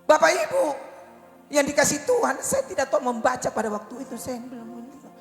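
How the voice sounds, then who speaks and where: A male evangelist preaching a storytelling sermon, swinging from loud cries to low asides, in an echoey church hall with faint music. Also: very animated, a little fast, gravelly. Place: church service.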